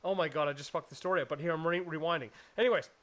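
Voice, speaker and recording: Man, podcast co-host, casual chat, rambling and profane, slightly high voice. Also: racing, a bit bright. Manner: rambling storyteller, swears, acts out quotes.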